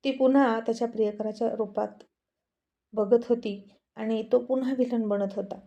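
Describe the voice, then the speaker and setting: A woman's voice: on the high side, fairly even intonation, normal speed, vocal fry, warm tone, dull audio. A woman telling a moral family story in an emphatic, conversational narration.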